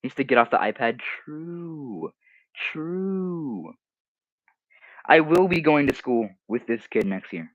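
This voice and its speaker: A man's voice: medium pitch, animated, brisk, few pauses, no room sound, lo-fi sound. A teenage streamer, casually reading comments aloud and mocking them, often restarting his sentences.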